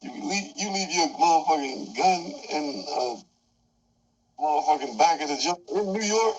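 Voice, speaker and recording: A man's voice: a little high, animated, normal speed, rough recording. A man in a casual roundtable chat, talking bluntly and profanely with emphasis.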